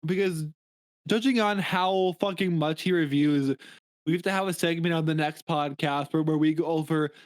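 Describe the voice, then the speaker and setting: A man's voice: a little high, moderate pace, no echo. A young man co-hosting a podcast in casual chat, rambling and crude, with many restarts and swearing. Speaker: podcast co-host.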